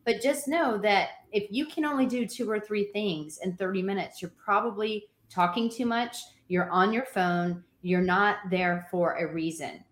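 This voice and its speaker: A woman trainer giving energetic workout advice in a casual chat, laughing often. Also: medium pitch, moderate pace, few pauses, reverberant. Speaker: fitness trainer guest.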